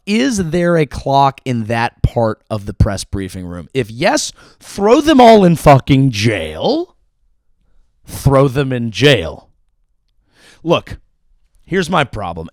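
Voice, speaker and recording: A man hosting his own show, delivering a profane, sarcastic comedic political monologue with sudden yelled outbursts. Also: mid-range voice, dry recording, studio quality. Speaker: comedian host.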